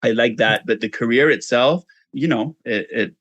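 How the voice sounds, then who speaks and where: With a measured pace and a fairly bright tone, a mid-range male voice answers interview questions; he is a Spanish-accented fundraising consultant from Spain. The audio is dull but has no echo. His style is informal and self-deprecating, full of "you know."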